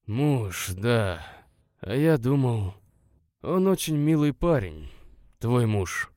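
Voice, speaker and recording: A man's voice: mid-range voice, very animated, slow pace, darkish tone, dry recording. A man reading aloud voices an irritable, stubborn young man who answers curtly. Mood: grumbling. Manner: dry, curt, grumbling.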